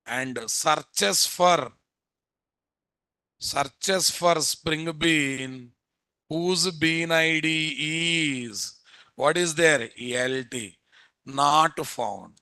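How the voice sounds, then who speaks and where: A man's voice: fairly high pitch, very slow, pushed and bright, clean tone, no room sound. A man with an Indian Telugu accent giving a live programming lecture as an instructor, repeating phrases and constantly quizzing his listeners.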